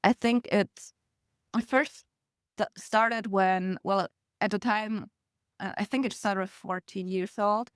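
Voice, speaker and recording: Young woman, smooth clear voice, dry close sound, casual storytelling. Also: mid-range voice, steady tone, takes it slowly, dry recording. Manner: storytelling with laughs and acted quotes. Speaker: podcast guest. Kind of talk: casual conversational interview.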